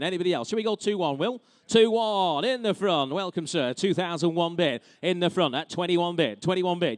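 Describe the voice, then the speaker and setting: A man with a British accent working as a live auctioneer, calling and repeating bids briskly with informal banter to the bidders. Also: on the high side, dry recording.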